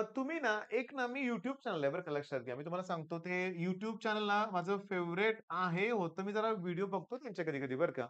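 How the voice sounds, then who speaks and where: A middle-aged man from Maharashtra with a Marathi accent, a tutor giving a motivational coaching talk to exam students, emphatic and repetitive, swinging between loud stresses and quiet asides. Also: high-pitched, lo-fi sound. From Maharashtra, India. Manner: emphatic, often repeats "lakshat ghya".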